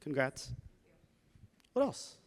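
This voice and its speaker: Leading a workshop, a male doctor guides people through a reflection exercise using slow, calm prompting questions.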